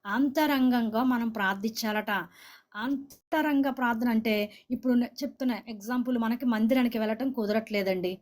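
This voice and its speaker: Woman preacher, somewhat high voice, earnest exhorting sermon delivery. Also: moderate pace, a little mellow. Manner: exhorting, asks listeners to say amen; speaks directly to viewers and comments.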